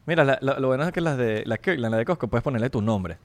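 This is a man speaking Spanish, hosting a laid-back video. His delivery is playful and chatty, and he uses plenty of casual slang. His voice sits at an ordinary middle pitch for a man. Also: lively intonation, fast. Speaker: host. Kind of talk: casual chat.

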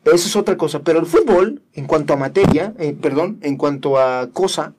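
A man's voice: a little high, expressive, a little fast, background noise. Rambling Mexican man hosting, preachy. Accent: Mexican Spanish. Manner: rambling, preachy, with filler hesitations. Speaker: host. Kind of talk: casual talk show chat.

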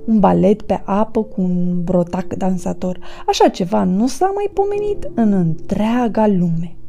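A woman narrating a children's storybook in a gentle, expressive read-aloud manner. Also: mid-range voice, creaky, soft background music.

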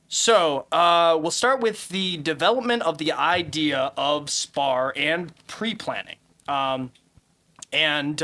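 A man hosting a casual podcast, talking haltingly with many fillers and restarts and laughing often. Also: a little high, sharp tone. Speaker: podcast host.

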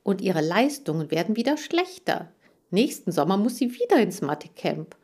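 A woman voicing a feisty, boastful male hamster detective in an audiobook, ranting loudly and eagerly. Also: mid-range voice, moderate pace, husky. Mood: eager reasoning. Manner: ranting, animated and loud. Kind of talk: audiobook character voice.

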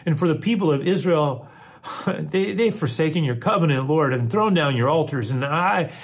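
A man's voice: on the high side, animated, moderate pace, slightly rough, voice pushed up. A man voicing a desperate, self-pitying prophet who pleads in stammering repetitions. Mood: anguished.

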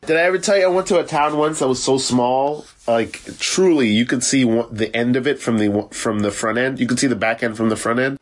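A man's voice: medium pitch, brisk, few pauses. Slangy man chatting in a mid-range voice. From Florida, United States. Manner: slangy, swears casually, restates points. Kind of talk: casual chat, anecdotes. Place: remote call from New York City.

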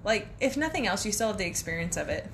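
A woman's voice: mid-range voice, sing-song, quick pace, creaky, fairly bright tone, a little hiss or hum. Rambling young woman telling travel stories. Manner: rambling, laughs often while telling stories. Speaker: podcast co-host. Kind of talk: casual storytelling chat.

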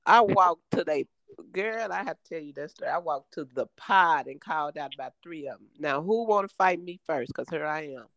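Lively middle-aged woman telling a story. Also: deep voice, moderate pace, creaky, no room sound, poor audio. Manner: lively, emphatic, acts out quoted voices. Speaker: guest telling her life story. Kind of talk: animated storytelling in conversation.

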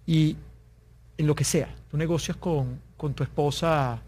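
Earnest man with a slightly high voice. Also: steady tone, measured pace, darkish tone. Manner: explains with examples, acting out little dialogues. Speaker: business guest. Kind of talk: conversational interview.

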